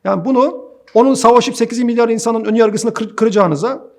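A man with a fairly high voice talks straight to his viewers, calling them friends. He is an IT course instructor, animated and a bit preachy, and he fires off rhetorical questions in a loose, chatty way. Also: brisk. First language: Turkish. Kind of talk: direct-to-camera advice talk.

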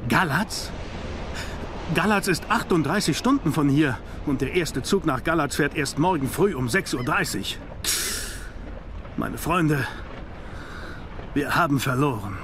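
An actor playing a determined, commanding vampire-hunting professor in an audio drama, grave and urgent. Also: male voice, on the high side, lively intonation, measured pace, long pauses, noisy background. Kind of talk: German audio drama acting. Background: music.

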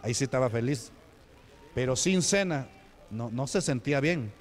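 A man's voice: medium pitch, animated, normal speed. A man with a Peruvian Spanish accent, a deacon preaching a Pentecostal sermon in a church and asking the congregation questions. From Peru. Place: church sanctuary. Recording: long hall reverb.

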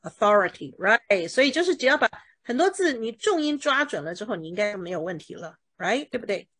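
A woman's voice: fairly high pitch, fast, a bit bright. A woman teaching English pronunciation, explaining patiently with everyday examples and drilling words with her student. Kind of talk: pronunciation lesson.

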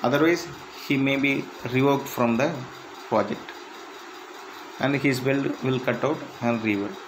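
A man reading interview questions and answers aloud in a plain, measured way, with slightly halting phrasing. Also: medium pitch, noisy background. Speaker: instructor.

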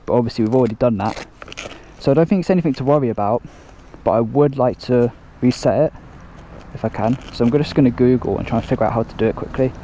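A man's voice: medium pitch, fast talker, warm tone, poor audio. A man chatting casually to camera as a motorcycle vlogger, explaining things step by step as he rides. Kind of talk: casual chat to camera while riding. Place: outdoors on a motorcycle by the road. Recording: faint road and traffic noise.

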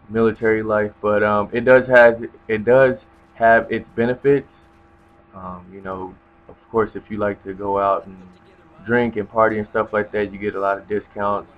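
A young man giving casual gameplay commentary in a rambling, hesitant, laid-back way. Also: lowish voice. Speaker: gamer commentator. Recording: dull lo-fi mic with loud noise.

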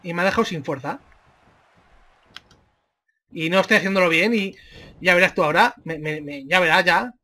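A man with a Spain Spanish accent doing excitable let's-play commentary, yelling and swearing at the game. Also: high-pitched, normal speed, pauses often. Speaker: gamer.

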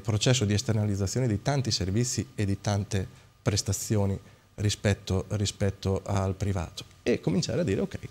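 A man's voice: lowish voice, creaky, dark tone. A man speaking as a guest in a talk show debate, hesitant, often searching for words. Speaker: studio guest.

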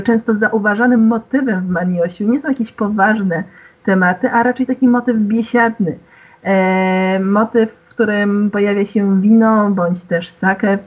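A woman giving an online lecture, explaining patiently to her listeners and hesitating often with fillers. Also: medium pitch. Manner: explains to the audience formally. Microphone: video call. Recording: tinny phone-like online call audio.

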